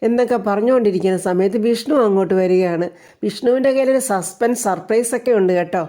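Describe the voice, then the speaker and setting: A woman with a mellow, warm voice recaps a television serial episode. She tells it in a chatty storyteller's way. She slips into the characters' lines along the way. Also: mid-range voice, fast.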